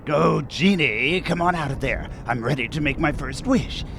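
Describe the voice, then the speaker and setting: A man's voice: a little high, animated, normal speed, background noise. A man playing a fussy, luckless manservant in a comic audio drama, theatrically exclaiming and muttering to himself. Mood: eager. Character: fussy, luckless, self-pitying manservant lost in the desert. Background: music.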